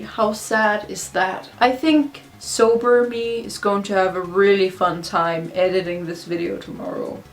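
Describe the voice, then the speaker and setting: A tipsy woman with a mid-range voice speaks English as a second language in a casual vlog monologue. She is drunk, rambling and repetitive, sharing in a confessional way, with music in the recording. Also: mid-range voice. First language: not English. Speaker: video blogger.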